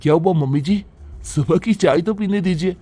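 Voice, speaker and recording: A man's voice: high-pitched, normal speed, dark tone, breathy edge, dry recording. A man voicing a lazy, whining young son-in-law who makes excuses in a cartoon. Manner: whiny, complaining.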